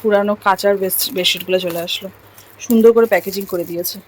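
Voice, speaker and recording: A woman from India chatting softly through a casual daily home vlog, rambling with little fillers. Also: medium pitch, fairly even intonation, fast talker, slight background noise. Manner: talking softly so her son can sleep. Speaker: home vlogger.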